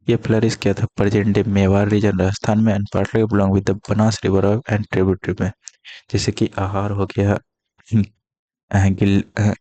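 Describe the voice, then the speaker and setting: Soft-spoken man teaching in a low murmur. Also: lo-fi sound. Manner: speaking softly to avoid coughing; repeats key terms and mnemonics. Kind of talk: exam-prep lecture.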